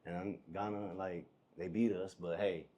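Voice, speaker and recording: Young male co-host, low voice, laid-back and chatty, Nigerian roots, raised in the South. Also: fairly even intonation, measured pace, dark tone. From Nigerian heritage, raised in the US South. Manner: laid-back, lots of "man" and "you feel me". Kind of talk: casual interview chat.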